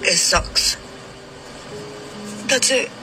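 A woman's voice: very slow, rough recording. A woman in her forties venting wearily in a personal vlog. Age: 40s. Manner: weary, venting. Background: music.

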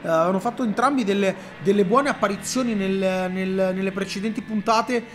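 A man giving live motorcycle race commentary in an excitable, slightly strained voice, often repeating his phrases. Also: high voice, normal speed. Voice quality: strained, tired voice. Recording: loud engine and vehicle noise. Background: trackside motorcycle noise.

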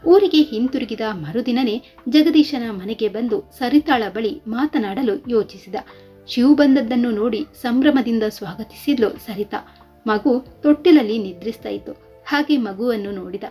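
A woman narrating a story in a steady storytelling manner. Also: a little high, moderate pace, slightly rough, faint music behind. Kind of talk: scripted narration.

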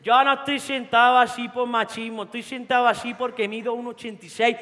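A woman's voice: fairly high pitch, level tone, fairly quick, a bit bright, long reverb tail, close to an everyday voice. A woman playing a cocky, macho teenage boy from Jaén with an Andalusian accent, brash and teasing on a theatre stage. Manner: brash, teasing, streetwise slang. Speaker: actress. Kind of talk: theatre monologue.

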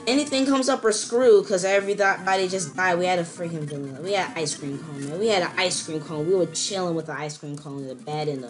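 A young woman commentating her own gameplay, ranting in exasperation and jumping up to squealing high notes. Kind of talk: let's-play commentary.

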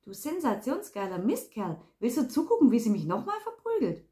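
A woman voicing an irritable female police detective who speaks in a sharp, sarcastic way. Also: a little high, huge pitch swings, fairly quick.

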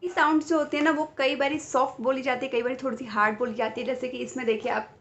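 Female vlogger, higher pitch, conversational explainer who sounds out letters and words; muffled recording, faint background hum. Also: fairly even intonation, fast talker, a bit bright. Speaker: parenting vlogger reviewing phonics books. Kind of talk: casual explanatory review.

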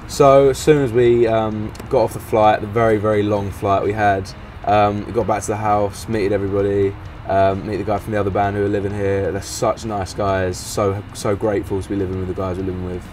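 A young man with a London accent, casually recounting his band's first days in a relaxed, rambling way full of fillers. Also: lowish voice, a little fast, few pauses, recorded from a distance, faint music behind. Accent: London English. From England. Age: young adult. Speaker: band member. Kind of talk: casual recap interview. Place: outdoor garden seat in warm sun.

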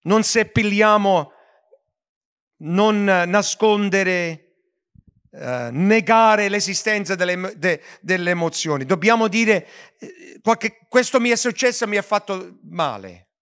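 A man's voice: sits high, expressive, slow pace, fairly bright tone, clean tone. A man preaching a sermon as pastor, earnest, with frequent restarts and stumbles over words.

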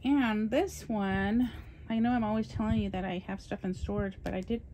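A woman chats with enthusiasm, in a casual show-and-tell, about the coloring books she bought. Her voice sits at a middle pitch, and clear background noise runs under the home recording. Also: steady tone, dark tone. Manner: chatty, enthusiastic, admits talking fast. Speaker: coloring channel host.

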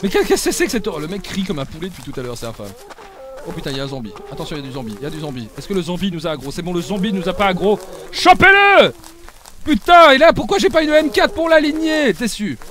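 A young man streaming a survival game live, swinging between loud yelling and low muttering and swearing a lot. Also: big pitch swings, very fast. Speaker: gaming streamer.

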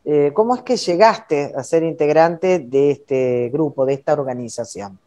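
A woman's voice: low voice, a little slow, dark tone. A middle-aged woman with an Argentine Spanish accent hosting a TV interview, asking probing questions and adding short affirmations. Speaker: interviewer, TV host. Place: studio set with brick wall.

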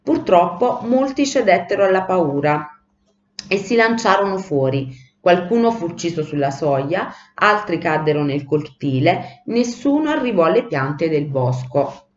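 A woman teacher reading a children's storybook aloud in an animated way, in a roomy, lo-fi recording. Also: on the low side, measured pace. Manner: animated, acts out the voices. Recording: roomy, dull lo-fi sound.

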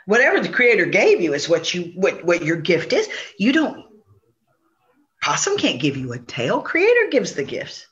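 A woman's voice: on the low side, wildly swooping pitch, moderate pace, a bit bright, highs cut off. A woman voicing a group of forest animals in a told folk tale, firmly explaining the rules to the turtle chief. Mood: scolding. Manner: firm, explaining. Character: chorus of scolding forest animals.

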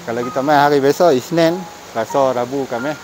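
Music plays behind a middle-aged man speaking a little quickly at medium pitch, and the recording is rough. He's a vlogger with a northern Malaysian Malay accent, masked and chatting casually as he walks outdoors on forest park trails by a cave, camera at arm's length.

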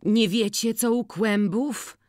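A woman voicing an old village beggar woman who calls out and pleads in a high, wailing voice. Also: steady tone, takes it slowly, a little mellow, dry recording, studio quality. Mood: chatty.

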